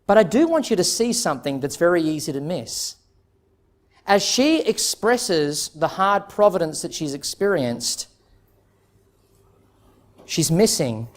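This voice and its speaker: A man preaching an expository sermon as a pastor, earnest and emphatic, putting direct questions to his listeners. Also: on the high side.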